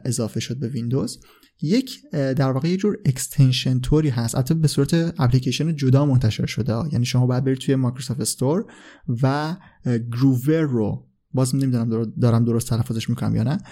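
A man hosts a podcast and explains things in a relaxed, unscripted way, pausing on fillers and correcting himself as he goes. His voice is mellow and warm, sitting at an ordinary middle pitch. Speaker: podcast host. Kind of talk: casual explanatory monologue.

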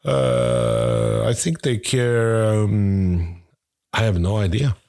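A man in casual podcast chat, speaking in a hesitant, halting, understated way. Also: low voice, animated, darkish tone, dry recording, studio quality. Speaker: podcast co-host.

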